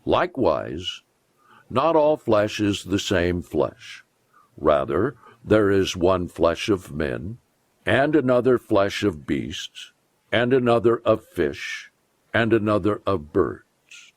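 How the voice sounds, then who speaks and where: A male preacher reads scripture solemnly in a low voice, with widely varied intonation and big pitch swings. His delivery is deliberate and emphatic, and there is no echo.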